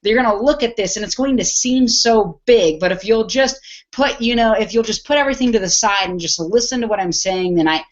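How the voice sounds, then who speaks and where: A man in his twenties, an internet marketer giving an eager sales pitch on a webinar, often restarting his phrases. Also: brisk, highs cut off. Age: 20s.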